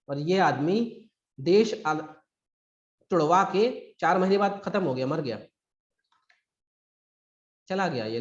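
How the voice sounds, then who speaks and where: A man with a somewhat high voice teaches a live online history lecture for exam prep, chatty and punchy, acting out quotes in a conversational, emphatic way. His video-call audio is dull and echoey.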